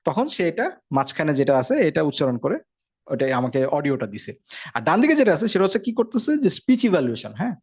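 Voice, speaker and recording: Man, casual tech lecture, rapid delivery, slightly high voice, keeps checking in with listeners. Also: big pitch swings, darkish tone, husky. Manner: fast, conversational, frequent check-ins. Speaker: instructor.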